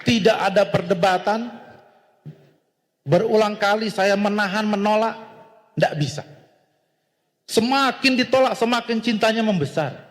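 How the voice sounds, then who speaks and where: A male preacher telling a story in a sermon, acting out dialogue with an animated, lively manner. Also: sits high, a little slow, long pauses. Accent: Indonesian. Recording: hall reverb.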